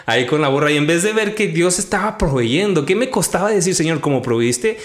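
A man, hosting a devotional podcast and telling a personal faith story in a lively conversational way. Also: on the high side, brisk. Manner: animated storytelling, quotes his own prayers. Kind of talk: conversational testimony.

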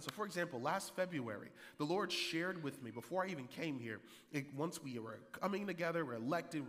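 A pastor in his thirties delivers an energetic sermon, getting louder and higher in pitch to hammer his points home and repeating key lines. The recording has hall reverb.

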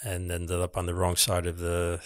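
A man's voice: deep voice, completely flat delivery, moderate pace, no echo. A man, a sculptor being interviewed on a podcast, talking reflectively with many restarts. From United States. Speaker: guest, sculptor. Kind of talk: casual podcast conversation.

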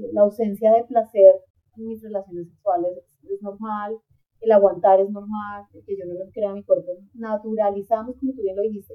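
A woman, a podcast guest, giving earnest, reflective advice in a conversational way and acting out quoted examples. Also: mid-range voice. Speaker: podcast guest, migrant coach. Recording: tinny phone-like line.

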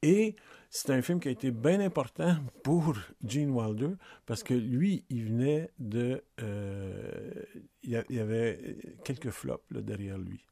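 Gravelly, mellow-voiced Quebec man. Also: mid-range voice, measured pace. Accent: Quebec French. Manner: hesitant, many restarts and fillers. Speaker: podcast co-host. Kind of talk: casual film discussion.

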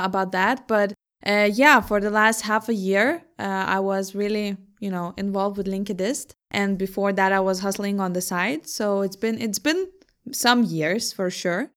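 A young woman from Lithuania talks through her work as an entrepreneur in an interview. She answers in a measured, thoughtful way and laughs easily, with a voice of middling pitch for a woman.

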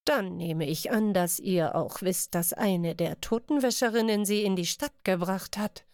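A woman voicing a sly, smooth-talking male master thief who speaks low and conspiratorially in an audiobook. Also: measured pace, a little mellow, dry recording, clean studio sound, natural voice. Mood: sly, hushed. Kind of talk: audiobook character voice.

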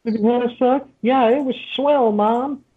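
A man joining a podcast chat with slow, joking remarks. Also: extremely high pitch, steady tone, husky. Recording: tinny phone-like line.

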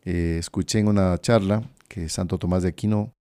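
A priest speaks in a low, mellow voice on a podcast, reflective and conversational. The sound is dry and close, with no room around it. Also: male voice, steady tone, fairly quick, clear, resonant tone, no echo. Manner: reflective, conversational, often asks "¿no?".

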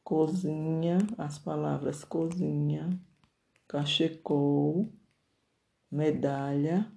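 A teacher, slowly reading out workbook corrections and dictating answers word by word. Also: medium pitch, fairly even intonation, vocal fry, warm tone.

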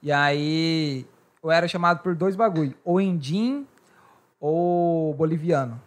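A man's voice: a little high, takes it slowly. A young Brazilian man chatting casually as a podcast co-host, talking in sweary street slang. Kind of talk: casual chat.

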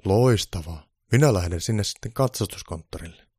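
A man voicing an old Santa Claus who booms cheerful calls and grumbles when puzzled. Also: lively intonation, a little mellow, husky, no room sound, clean studio sound. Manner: booming exclamations, grumbling mutters.

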